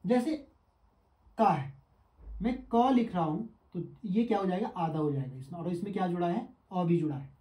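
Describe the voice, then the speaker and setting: Male teacher, question-and-answer lesson style, syllables spelled out slowly, roomy echo, mic set back. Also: high voice, darkish tone. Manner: asks the class questions and answers them himself; sounds out syllables slowly one by one. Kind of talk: exam-prep lesson at a board. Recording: echoey room, mic at a distance.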